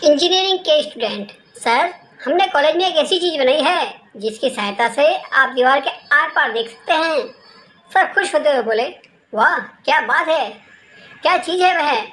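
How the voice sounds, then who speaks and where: A woman reading a string of short jokes aloud in plain, even storytelling, hardly changing her voice for the characters. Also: sits high, moderate pace. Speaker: joke reader. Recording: roomy echo with faint room noise.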